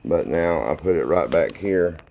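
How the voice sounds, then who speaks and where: A man with an extremely low, dark voice hosts a spirit box session. He speaks slowly and casually in folksy, plain words, describing what he does and putting questions to spirits. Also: creaky, slight background noise, low-quality recording. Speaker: paranormal investigator hosting a spirit box session.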